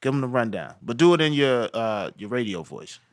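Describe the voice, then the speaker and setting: A man's voice: medium pitch, big pitch swings, fairly quick, dry recording, clean studio sound. A man hosting a podcast, joking and teasing his guests in a casual, slangy way. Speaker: podcast host.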